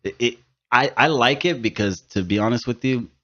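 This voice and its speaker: A man's voice: mid-range voice, normal speed, a bit bright. A man in his thirties hosting a podcast, telling stories in casual, profane, emphatic chat. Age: 30s. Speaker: podcast host. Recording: dull lo-fi studio recording.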